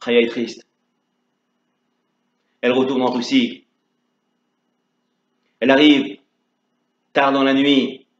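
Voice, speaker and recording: A man teaching Torah through a dramatic story, moving between hushed narration and loud calls. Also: medium pitch, little pitch movement, slow pace, pauses often. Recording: dull lo-fi sound in an echoey room.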